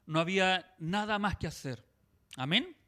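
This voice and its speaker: A Chilean man preaching a sermon as pastor, fervent and punctuated with amens, dropping soft and low when he quotes gentle words. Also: animated, unhurried.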